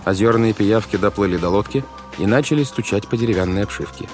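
A deep, low male voice reads a story aloud in measured, expressive scripted narration. Music plays clearly beneath him throughout. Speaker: audiobook narrator.

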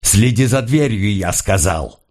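A man voicing a brutal, gruff old male detective who snarls threats in an audiobook. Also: fairly low pitch, expressive, measured pace, a little mellow. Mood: menacing. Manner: snarling, menacing.

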